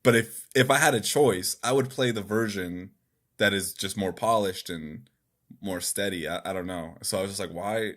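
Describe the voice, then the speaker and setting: A podcast co-host with a lowish, slightly bright voice chats at normal speed on a casual gaming podcast. The conversation is loose, rambling, and informal, with some swearing.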